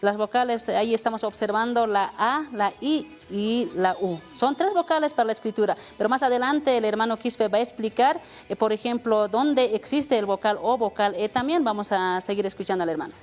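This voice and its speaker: Bolivian woman teaching aymara on tv, slightly high voice, patient explaining, faint music behind. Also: brisk. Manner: explanatory, many "¿no?" tags, mixes Spanish and Aymara. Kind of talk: televised language lesson.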